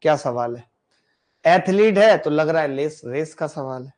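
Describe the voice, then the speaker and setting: A man teaching math in a lively classroom lecture, addressing students directly and playfully. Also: fairly high pitch, measured pace.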